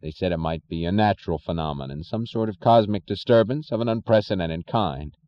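A man voicing a weary male chief engineer who speaks quietly and slowly. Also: low-pitched, dull audio, lightly acted. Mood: weary calm. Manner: quiet, slow, resigned.

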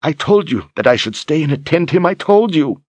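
A man's voice: fairly high pitch, sing-song, normal speed, a little mellow, no room sound, highs cut off, voice pushed up. A man reading an audiobook, voicing a cowed woman sorceress who pleads and coos in broken grammar. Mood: pleading. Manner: whiny, pleading, archaic grammar.

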